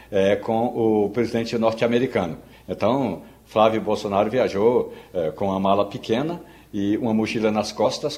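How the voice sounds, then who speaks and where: A man's voice: mid-range voice, darkish tone. A man giving wry political commentary as a radio correspondent from a studio. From Pernambuco, Brazil.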